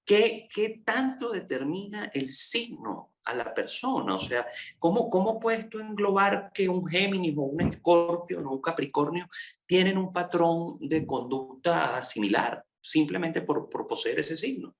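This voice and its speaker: A man's voice: fairly high pitch, lively intonation, a little slow. A man hosting an interview, affirming his guest and asking long questions full of hesitant fillers. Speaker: interview host.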